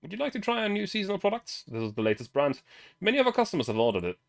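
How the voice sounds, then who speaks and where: A man's voice: high voice, very animated, gravelly, slight background noise, voice pushed up, exaggerated voice. A German-accented man voicing a polite, strained bartender, over faint music. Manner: polite, measured.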